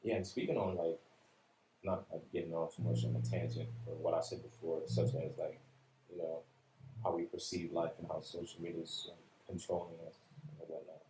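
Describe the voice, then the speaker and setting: Podcast host, male, deep and mellow, calm matter-of-fact talker, echoey room. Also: fairly quick. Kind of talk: casual podcast chat. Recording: roomy echo with faint room noise.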